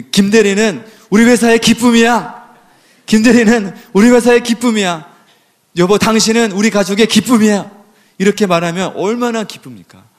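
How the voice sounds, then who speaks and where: A pastor preaching a sermon, asking rhetorical questions and building to emphatic, raised passages. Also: male voice, fairly high pitch.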